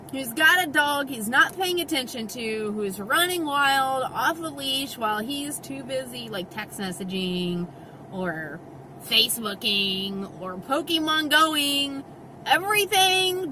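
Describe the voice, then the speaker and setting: A woman's voice: high-pitched, noisy background. A woman vlogger ranting to camera in an exasperated, emphatic way, talking out of the side of her mouth with part of her face numb. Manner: exasperated, emphatic, acts out quoted voices. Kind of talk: casual rant to camera.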